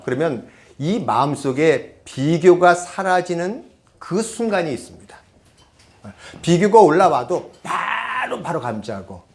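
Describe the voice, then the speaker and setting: A man giving a public lecture on parenting, speaking conversationally and often asking the audience rhetorical questions. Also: a little high. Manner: switches to half-banmal, conversational asides.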